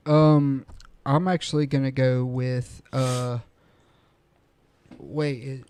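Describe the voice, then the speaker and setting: A man co-hosting a sports podcast, eager and playfully competitive, keen to top his partner's picks. His voice has a middle pitch. The sound is dry, with no echo around it. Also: flat delivery, takes it slowly, darkish tone, clear, resonant tone. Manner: enthusiastic, one-upping banter. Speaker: podcast co-host. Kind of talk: casual sports podcast chat.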